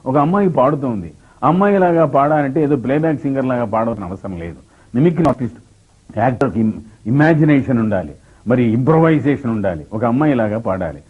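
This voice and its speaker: A man from Telangana, a mimicry artist, telling anecdotes in an animated way and slipping into quoted voices. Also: medium pitch, fast talker, slightly rough. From Telangana, India. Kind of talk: anecdotal storytelling. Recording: tinny phone-like recording.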